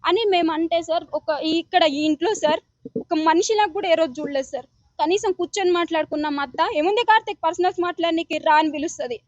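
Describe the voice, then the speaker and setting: A woman's voice: very high-pitched, a little fast, no room sound, muffled recording. A young woman gives an urgent, pleading account to a news reporter, often calling him sir. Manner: urgent, pleading, repeatedly addressing the listener as sir. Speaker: complainant interviewed by news reporter. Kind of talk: emotional testimony to a reporter.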